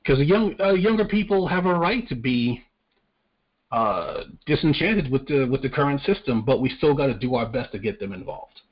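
A man from Long Island co-hosting a casual podcast, talking in a measured, deliberate way and reading news excerpts aloud. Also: mid-range voice, lively intonation, breathy edge. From Long Island, New York. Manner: measured and deliberate, pausing to restart thoughts. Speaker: podcast co-host. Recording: dull lo-fi podcast audio.

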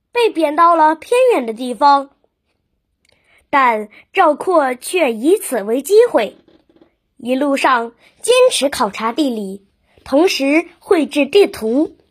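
A woman narrating a scripted history lesson for children, explaining things as if to a child, with simple questions. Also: high-pitched.

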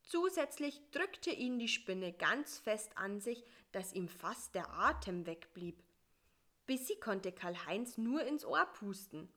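A woman narrating a children's Christmas story in a calm, even storybook reading. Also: mid-range voice, slow.

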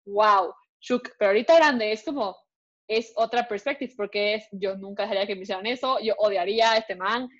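A woman's voice: mid-range voice, quick pace. A young woman co-hosting a podcast in casual chat, freely mixing in English words. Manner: chatty, mixes Spanish and English. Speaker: podcast co-host. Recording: dull lo-fi recording.

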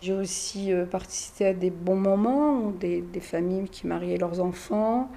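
A middle-aged woman from France recounting her own life story, acting out what others said and sometimes dropping to a hush. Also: on the low side, moderate pace, vocal fry. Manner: acts out quoted dialogue in her story, drops to hushed asides. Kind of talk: personal storytelling.

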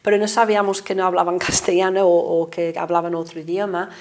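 A woman in her sixties from Liverpool with an English accent, a singing teacher chatting in an interview, animated and laughing often. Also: on the low side, fairly quick. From England, Liverpool. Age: 60s. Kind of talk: casual interview conversation.

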